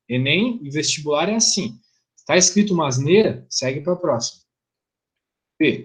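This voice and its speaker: A man's voice: high voice, darkish tone. A middle-aged Brazilian man teaching an online physics class, chatty, asking his students rhetorical questions.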